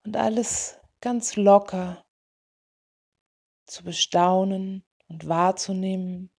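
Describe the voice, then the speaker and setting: A woman leading a guided meditation in a soothing, gentle way, in short unhurried phrases. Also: mid-range voice, vocal fry. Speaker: meditation guide for dog owners.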